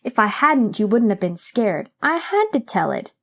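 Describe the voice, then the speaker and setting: A woman's voice: fairly high pitch, sing-song, normal speed, gravelly, a bit bright, exaggerated voice. A woman voicing a mischievous six-year-old boy who talks in a childish, colloquial way. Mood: sheepish.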